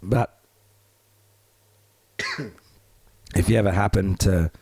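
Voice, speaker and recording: Hoarse, grating low-voiced man. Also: takes it slowly, a little mellow, a little hiss or hum. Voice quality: grating, rough. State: hoarse, strained voice from losing it. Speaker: podcast co-host. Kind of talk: casual chat.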